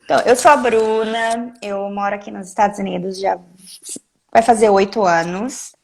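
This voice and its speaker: A woman's voice: mid-range voice, steady tone, gravelly, darkish tone. Laughing Brazilian woman on a video call. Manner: friendly, laughs often, quick asides. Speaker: guest. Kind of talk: casual video call chat.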